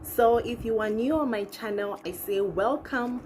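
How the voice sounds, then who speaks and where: A young Ghanaian-accented woman hosts her channel from a living room, chatting casually and expressively to viewers over background music. Her somewhat high voice has a darkish tone and a moderate pace, with slight background noise.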